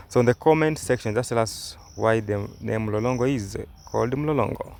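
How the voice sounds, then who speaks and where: A young Kenyan travel vlogger whose first language is Swahili gives hesitant, explanatory commentary from inside a moving car, recorded on a phone, full of fillers and restarts. His mid-range voice is gravelly and a little mellow at a moderate pace, with a little hiss or hum.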